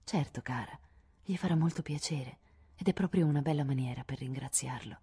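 A woman reading an audiobook, voicing a kind, calm mother who speaks gently and quietly. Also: very deep voice, brisk, slightly rough, full character voice. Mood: tender.

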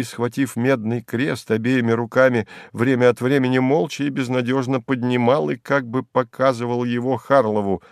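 A man reading a classic story aloud in steady, measured audiobook narration. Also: mid-range voice, dry recording, clean studio sound.

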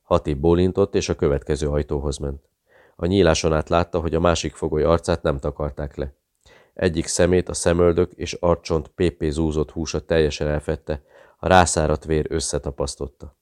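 A man's voice: very deep voice, steady tone, a little mellow, no echo, clean studio sound. A man steadily narrating a thriller audiobook.

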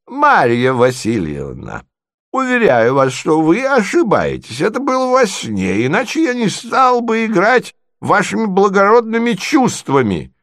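A man voicing a confused, sentimental old prince who rambles and turns tearful, in a high, quavering voice. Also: gravelly, no echo, studio quality, full character voice. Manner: muddled, rambling, easily tearful.

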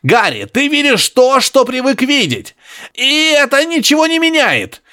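An agitated professor shouts in a high, strained voice, put on by a man reading an audiobook. His pitch leaps around as he grunts and drags out his warnings. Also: wildly swooping pitch, measured pace, full character voice. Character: excitable male professor over a crackling radio.

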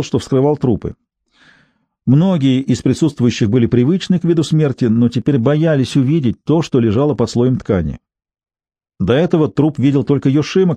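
A man reading a thriller audiobook in scripted narration, measured and even. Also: mid-range voice, dry recording.

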